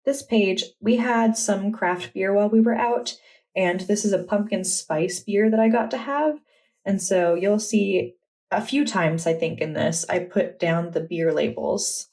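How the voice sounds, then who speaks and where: A young adult woman vlogger chatting in a relaxed, enthusiastic way as she walks through her journal. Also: mid-range voice, a little slow. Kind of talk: casual vlog narration.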